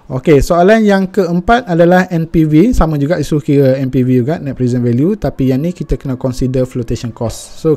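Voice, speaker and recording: A man's voice: medium pitch, dark tone. A young Malaysian man with a Malaysian accent walking through a finance tutorial step by step, with many fillers.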